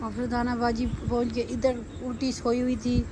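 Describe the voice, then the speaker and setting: Woman vlogger, high voice, chatty and reassuring, with a lot of background noise in a home phone recording. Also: completely flat delivery, normal speed. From Pakistan. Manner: talkative, comforting and directing others. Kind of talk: casual family chat.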